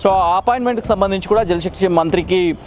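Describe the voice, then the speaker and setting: A man's voice: high-pitched, fast, darkish tone, a little hiss or hum. A man, reporting live from the field for a news channel, talking off the cuff with hesitations and English words mixed in.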